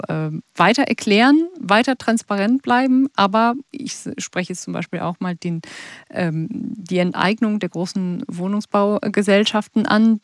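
A woman's voice: medium pitch, dry recording. Woman interviewer, close and dry. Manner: conversational, hesitant fillers. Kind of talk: interview questions.

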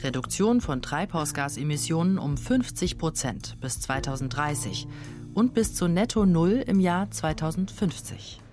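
A documentary narrator reading a scripted voice-over in a measured, matter-of-fact way. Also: mid-range voice, animated, a little mellow, soft background music.

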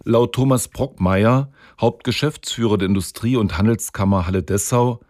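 A male reporter reads a scripted news piece in an even, steady manner. His voice is lowish and mellow. The booth sound is dry and close. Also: moderate pace, no room sound. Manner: even, reading. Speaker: radio reporter.

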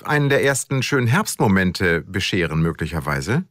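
A man's voice: low voice, very animated, moderate pace, fairly bright tone, no echo. A man hosting a radio show on a studio mic, upbeat and friendly as he questions a caller. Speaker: radio host.

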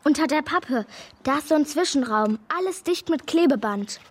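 Excitable high-voiced know-it-all youngster. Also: female voice, normal speed, a little hiss or hum. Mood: excited. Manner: earnest, dramatic, a little impatient. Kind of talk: German audio drama acting.

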